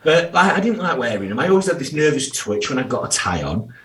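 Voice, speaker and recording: A Yorkshire man in his thirties, a financial planner on a casual podcast, talks quickly in a mid-range voice with big pitch swings over background noise. He's candid and blunt, dropping slang and the odd swear word.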